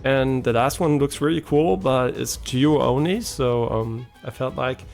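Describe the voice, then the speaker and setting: This half-French streamer, raised German-speaking with German as his first language, rambles through casual live-stream chat while gaming, with plenty of ums, restarts and "right?" checks. His gravelly mid-range voice is a little mellow and measured in pace, with faint music in the background.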